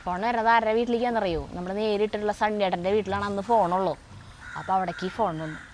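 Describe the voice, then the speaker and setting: A woman's voice: medium pitch, fairly even intonation, very fast, darkish tone, a little hiss or hum. A middle-aged woman, telling a story in a chatty way, full of fillers and self-corrections, in a home kitchen. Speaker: co-host of a family cooking vlog. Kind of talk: casual storytelling.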